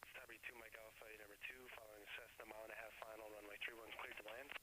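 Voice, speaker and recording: A man's low, quick voice comes over the cockpit radio, rattling off clipped landing instructions as an air traffic controller. He sounds distant and faint. Loud engine and cockpit noise nearly drowns the transmission. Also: flat delivery. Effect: heard over a cockpit radio.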